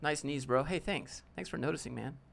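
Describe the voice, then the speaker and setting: This voice is on the high side, a bit bright, and creaky, moving at a slightly fast pace. It belongs to a youthful-sounding man in his late twenties hosting a laid-back live Q&A, cracking jokes and reading viewer questions aloud.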